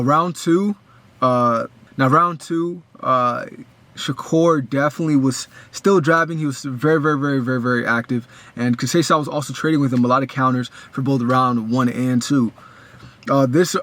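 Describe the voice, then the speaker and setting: A man's voice: mid-range voice, a bit bright. A young man giving a casual, rambling breakdown of a boxing match as a fan, full of restarts and fillers.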